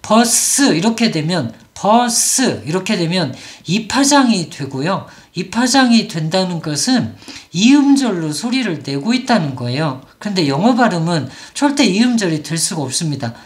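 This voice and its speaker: A woman teaching English pronunciation, explaining patiently and modelling each word slowly, several times over. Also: lowish voice, very animated. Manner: patient, models words slowly and repeats them. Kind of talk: explanatory lesson.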